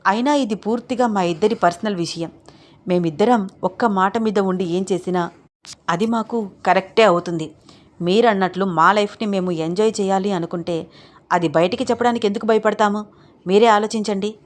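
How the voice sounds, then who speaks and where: Lady reading the part of a young husband, calm, keeps explaining things patiently. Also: mid-range voice, normal speed, lightly acted.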